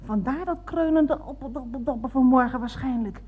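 A woman's voice: sits high, brisk, breathy edge. An actress playing a scatterbrained, chatty lady driver in a radio comedy sketch. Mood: flighty. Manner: gushing, flighty, giggly. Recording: dull lo-fi old radio recording.

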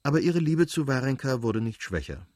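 A man narrating a classic novel as an audiobook in a measured, even way. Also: medium pitch, dry recording, clean studio sound.

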